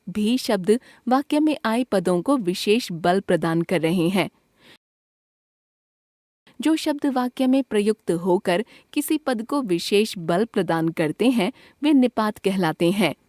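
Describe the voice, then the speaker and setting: Slow, measured woman reading a lesson. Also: mid-range voice, lively intonation, warm tone, no echo, studio quality. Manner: slow, deliberate list reading with pauses. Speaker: textbook narrator. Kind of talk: scripted grammar lesson reading.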